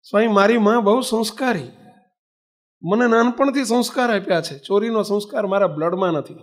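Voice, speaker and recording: A tearful, earnest young college lad pleads in a high, strained voice, as a preaching monk puts him on. He sounds humble and desperate, speaking with rising intensity. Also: brisk, natural voice. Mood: pleading.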